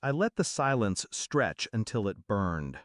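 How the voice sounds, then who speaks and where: A man reading a first-person story aloud in a measured, dramatic storytelling manner. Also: fairly low pitch, very animated, no echo, studio quality. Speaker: story narrator.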